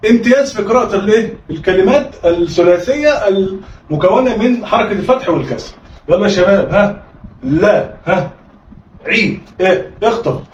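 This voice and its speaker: An Egyptian man with a high voice and an Egyptian Arabic accent leads a children's reading lesson, sounding out syllables. He coaxes his pupils through call-and-response drills with frequent "ha?" prompts. He is a little distant in a roomy space, and the audio is slightly dull.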